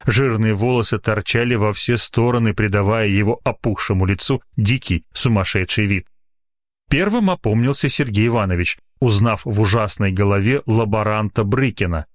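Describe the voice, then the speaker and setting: A man narrating an audiobook with an expressive delivery, reading the story and moving between the character voices. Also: lowish voice, moderate pace.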